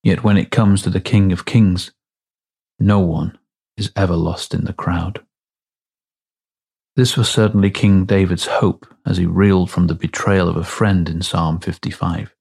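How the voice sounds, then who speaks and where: A man with a very low, gravelly voice reads a devotional in an unhurried, reverent way. His tone is husky and a little rough at the edges. Every phrase is measured and deliberate. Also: fairly even intonation, darkish tone. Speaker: devotional reader. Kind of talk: scripted devotional reading.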